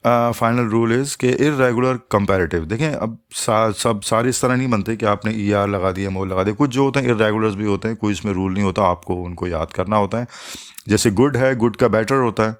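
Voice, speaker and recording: In a lowish register, a man patiently explains English grammar point by point. Whenever an English example comes up, he slows and spells it out.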